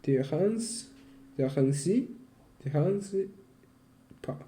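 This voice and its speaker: A man studying on his own in a casual vlog, reading aloud haltingly, repeating syllables and swearing when he stumbles. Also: on the high side, lively intonation, mellow. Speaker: language learner.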